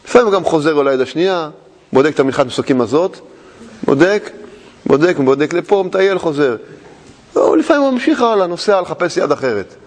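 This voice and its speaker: A man with a high voice preaches a lively religious talk, full of rhetorical questions and playful storytelling. His voice rings with a long reverb, as if recorded in a large hall. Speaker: religious teacher. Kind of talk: lively sermon.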